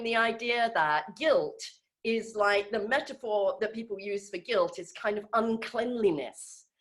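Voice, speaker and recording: A woman giving an informal talk on a video call, conversational and hesitant, with many fillers and restarts. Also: a little high. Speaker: speaker in an online group session.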